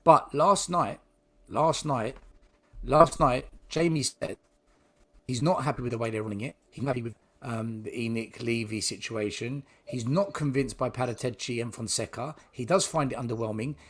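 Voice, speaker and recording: A man chatting as a fan panelist over a video call whose audio glitches, with his voice cutting in and out and his pitch jumping up and down. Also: moderate pace, fairly bright tone. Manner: repeats words to push through the glitches. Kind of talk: casual chat over a call.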